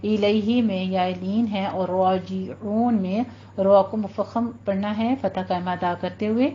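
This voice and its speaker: A woman teaching Quran recitation, explaining each word step by step and drawing out the recited examples slowly. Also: medium pitch, steady tone, lo-fi sound, slight background noise. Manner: patient, slow, step-by-step instruction with drawn-out recited examples.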